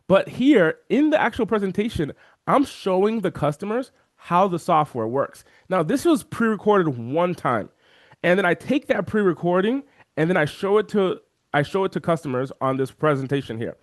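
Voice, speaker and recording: A man talking as an interview guest, walking through software on a shared screen and acting out the voices of chat viewers. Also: sits high, normal speed, no room sound, clean studio sound. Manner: animated, acts out quoted chat voices. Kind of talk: energetic screen-share walkthrough.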